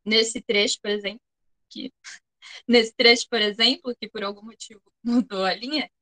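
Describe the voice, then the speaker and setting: A woman's voice: fairly high pitch, steady tone, moderate pace, bright, forceful tone, rough recording. A woman with a Brazilian Portuguese accent teaching an online class, explaining step by step and often checking that students follow.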